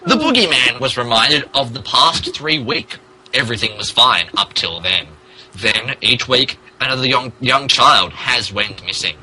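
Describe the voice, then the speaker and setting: On a low-quality recording, a man with a medium-pitched, expressive voice that sounds pushed and bright reads fan fiction at an unhurried pace. The podcast host hams it up, stumbling on errors and mocking them.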